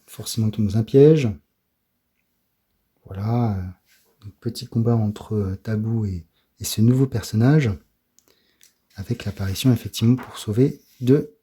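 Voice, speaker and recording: Middle-aged french guy doing a soft asmr comic review, dark mellow voice, lots of euh, whispers a bit. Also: mid-range voice, slightly rough. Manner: hesitant, fills pauses with "euh" and "voilà", often drops to a whisper.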